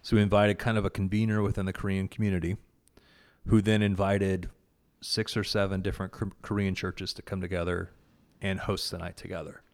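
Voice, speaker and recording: A man who organized a prayer event speaks as a guest, his voice sitting low with a flat delivery and a fairly quick pace. He tells the story of the gathering casually and earnestly in a conversation about faith, with frequent fillers and restarts.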